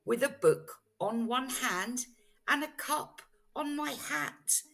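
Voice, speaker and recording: A woman's voice: sits high, slow pace, vocal fry, a bit bright, voice pushed up, heavily acted. A woman voicing a mischievous, boastful, cheerful male cat in a playful showman's patter for a children's storybook. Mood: reassuring. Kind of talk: children's storybook read-aloud.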